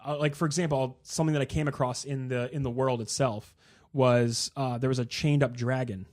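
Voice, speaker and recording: A man co-hosting a gaming podcast, chatting casually and rambling, acting out game characters in quick asides. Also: mid-range voice, fairly even intonation, darkish tone. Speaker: podcast co-host. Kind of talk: casual chat.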